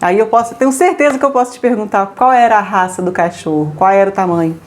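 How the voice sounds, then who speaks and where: A woman co-hosting a family advice talk, lively, acting out examples of what parents say. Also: medium pitch, fast. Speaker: co-host giving family advice. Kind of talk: casual talk to viewers.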